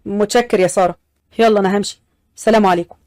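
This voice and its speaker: A woman's voice: medium pitch, steady tone, racing, darkish tone, lightly acted. Omar, a woman voicing a sad young brother. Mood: subdued. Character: young man, sad, quietly lovesick brother.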